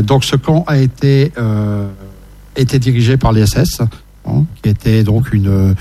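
A man leads a casual discussion in a mellow, darker voice. He hesitates often, restarting phrases and filling gaps, as if thinking aloud while passing the microphone around. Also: fairly low pitch. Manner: hesitant, many fillers and restarts. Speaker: host. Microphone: shared microphone.

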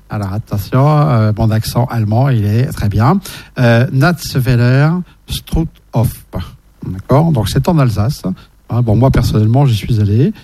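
Dark-voiced hesitant male host. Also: mid-range voice, slightly rough, no room sound. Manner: hesitant, many fillers and restarts. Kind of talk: casual radio discussion. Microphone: shared microphone.

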